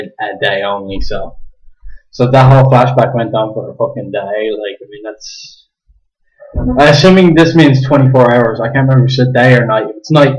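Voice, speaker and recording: A young man with an Irish accent, slightly drunk, rambling casually through a review, swearing and correcting himself while keeping his voice down in a kitchen. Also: fairly low pitch. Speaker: manga reviewer. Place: home kitchen at night. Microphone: webcam microphone. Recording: dull lo-fi webcam audio.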